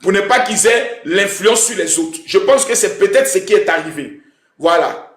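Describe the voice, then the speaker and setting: A young man runs a live stream with loud, emphatic energy and keeps repeating chants to his viewers. His voice sits high. The sound bounces around an echoey room. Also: expressive, normal speed, soft background music. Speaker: livestream host. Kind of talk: hyped live-stream talk.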